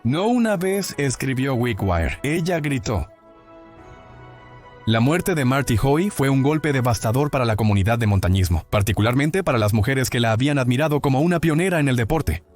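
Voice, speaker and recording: A man's voice: mid-range voice, animated, moderate pace, a little mellow, soft background music. Dramatic male documentary narrator. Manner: dramatic, storytelling delivery.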